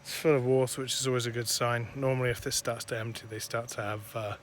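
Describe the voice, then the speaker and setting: A man chatting casually as he films a travel vlog outdoors, relaxed and quick to laugh. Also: mid-range voice. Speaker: travel vlogger. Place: outdoors at sightseeing spots. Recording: loud outdoor wind and traffic noise.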